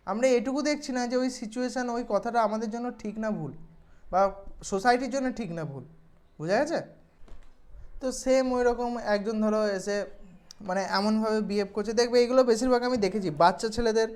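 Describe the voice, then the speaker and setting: In a relaxed lesson, a woman walks her students through English exam questions in a mid-range, darkish voice. Her manner is chatty, and she regularly pauses to ask "okay?" to make sure they're following.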